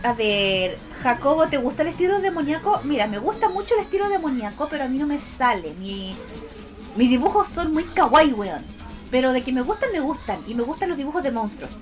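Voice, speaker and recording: A woman with a Chilean accent chatting casually on a livestream to her viewers, expressive and affectionate in a cutesy, girlish e-girl manner. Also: high-pitched, fairly quick. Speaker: VTuber art streamer. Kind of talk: casual livestream chat, reading and answering viewers' comments. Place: indoors at a computer. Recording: music behind the voice.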